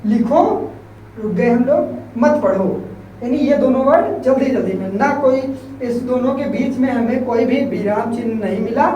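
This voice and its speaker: Male teacher, classroom lecture, rhetorical questions, slow repetition, off-mic, heavy room echo. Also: very high-pitched, dark tone, dull audio. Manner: asks rhetorical questions then answers them, repeats key terms slowly. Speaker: Hindi grammar teacher. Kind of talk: classroom lecture explaining at a board. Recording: very echoey room, mic far off, faint background hiss.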